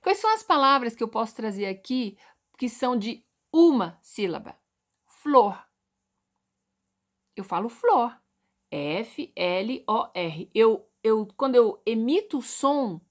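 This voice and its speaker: A Brazilian woman teaching poetry in a lesson video, asking questions and answering them herself, sounding out example words slowly. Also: a little high, animated. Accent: Brazilian Portuguese. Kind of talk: explaining lesson to viewers.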